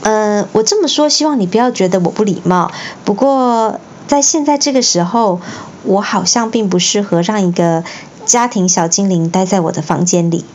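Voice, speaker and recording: A woman's voice: mid-range voice, normal speed, a little mellow, lo-fi sound, a little hiss or hum, lightly acted. A woman voicing a polite, nervous boy wizard who stammers and hesitates, in a bedtime storybook reading.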